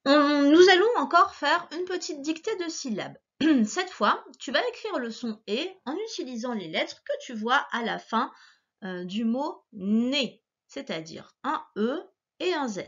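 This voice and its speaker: Patient woman teacher, slow syllable dictation, lively pitch, slightly muffled home recording.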